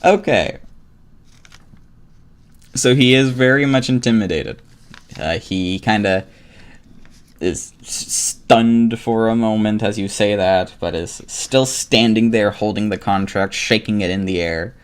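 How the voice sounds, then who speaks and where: A man narrating as game master of a tabletop game, unhurried and full of fillers. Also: lowish voice, clear, resonant tone.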